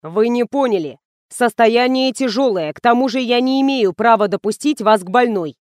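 A woman's voice: fairly high pitch, moderate pace, a little mellow, dry recording, studio quality, lightly acted. A woman reading the part of an officious, curt male ambulance doctor.

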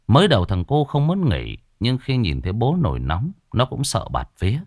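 A man narrating a horror story in a dramatic, expressive way, recorded on a close mic. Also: mid-range voice, normal speed, no room sound.

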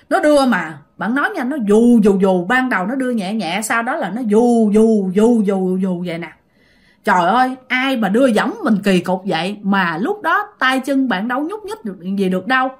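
A woman's voice: sits high, fairly bright tone. A woman with a Southern Vietnamese accent hosting a channel, retelling listener-sent ghost stories in a chatty, repetitive way that speaks directly to the audience. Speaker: storyteller host.

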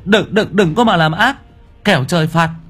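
A man's voice: sits high, moderate pace, a bit bright, husky, soft background music, voice pushed up. A man voicing a frightened young boy who stammers and repeats words in an audiobook story. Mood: pleading.

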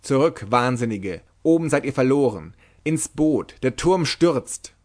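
A firm, authoritative leader calls out orders over chaos, as a male audiobook narrator voices him. The voice rises high and loud with urgency. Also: expressive, measured pace. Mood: commanding. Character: commanding man leading people in a collapsing tower. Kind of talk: audiobook character reading.

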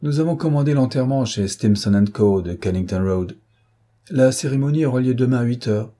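A man's voice: mid-range voice, expressive, brisk, warm tone, voice pushed up, lightly acted. A man reading an audiobook who voices a blustering, indignant middle-aged man with a mocking, rising delivery. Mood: sneering.

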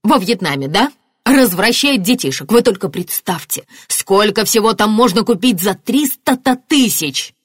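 A woman's voice: mid-range voice, very animated, moderate pace, few pauses, no room sound, studio quality, voice pushed up. A woman voicing a furious grieving father. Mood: bitter. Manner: shouting, raging.

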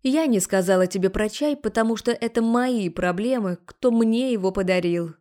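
A woman's voice: mid-range voice, brisk, darkish tone, natural voice. A woman voicing a defiant young woman, a grown daughter who speaks sarcastically and firmly, in an audiobook. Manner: sarcastic, firm.

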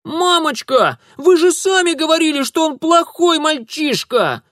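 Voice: high-pitched, lively intonation, a little slow, fairly bright tone, dry recording, clean studio sound, pitched above the performer's own voice. A reader doing a shrieking, horrified old aunt. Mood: shrill panic. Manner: shrieking, wailing. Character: hysterical elderly aunt, shrill and scandalized.

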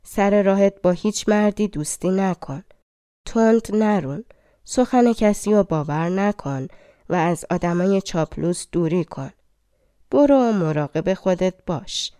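A grave goddess voiced by a woman handing out warnings in slow, solemn tones. The voice is smooth and mellow, a touch low, recorded close and dry, like a storybook reading. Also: dry recording, natural voice.

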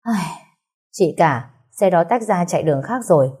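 A loyal male henchman calmly reports to his boss, as a woman reads his lines. The voice is low and mellow with a husky grain. It is a spoken storybook role. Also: normal speed. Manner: calm reporting.

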